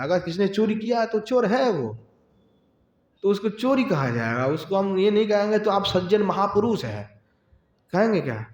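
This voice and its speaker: A man preaches a devotional scripture discourse, raising questions and answering them himself. His voice sits a little high. It comes from a dull, lo-fi recording with a roomy echo. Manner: recites Sanskrit verses in a slow chant. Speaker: katha preacher. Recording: dull echoey hall recording.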